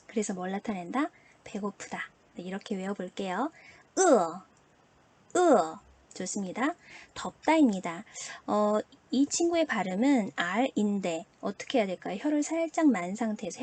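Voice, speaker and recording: A woman teacher giving a recorded Chinese lesson, patiently explaining and slowly modeling pronunciation. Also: mid-range voice, a little mellow.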